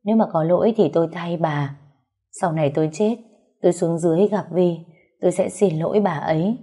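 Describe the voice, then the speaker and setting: A woman's voice: fairly low pitch, fairly quick, dark tone, breathy edge. A woman voicing an old grandfather who speaks in an earnest, pleading way.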